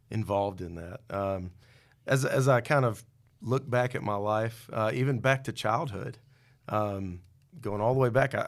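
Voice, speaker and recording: A middle-aged man, a podcast guest, telling his own story in a candid, reflective way with some self-deprecating humor. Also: fairly low pitch. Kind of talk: personal testimony in a podcast interview.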